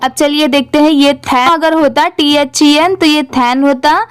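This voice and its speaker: A woman's voice: high-pitched, fairly even intonation, no echo. A woman teaching English reading online, spelling each word letter by letter, asking how to read it and answering herself. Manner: spells words letter by letter, then blends them slowly; asks questions and answers them herself.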